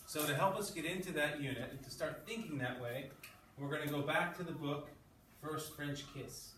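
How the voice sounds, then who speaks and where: An English teacher, male, speaks at a normal pace with a slightly high, fairly bright voice while explaining, reading aloud and regularly asking short questions of his class. The recording is distant and off mic, in an echoey classroom with background noise.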